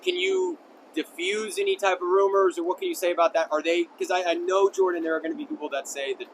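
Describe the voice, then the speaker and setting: A man's voice: high-pitched, lively intonation, quick pace, a little hiss or hum. A man, a local news reporter, asking questions in a casual, rambling way with many restarts. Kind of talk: sit-down news interview.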